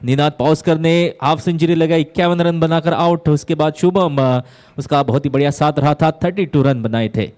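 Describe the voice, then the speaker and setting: A man with a fairly high-pitched voice calls a cricket match ball by ball. He works in measured phrases with pauses between them, lifting his delivery at key moments of play. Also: darkish tone. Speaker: cricket commentator. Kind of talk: live ball-by-ball cricket commentary.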